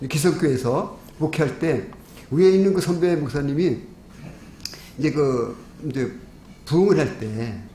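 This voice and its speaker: A man's voice: on the high side, animated, measured pace, dark tone, slight background noise. A middle-aged man preaching an evangelistic sermon as pastor, telling stories with quoted dialogue and building to fervent exhortation. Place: church sanctuary. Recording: echoey church room with faint ambience.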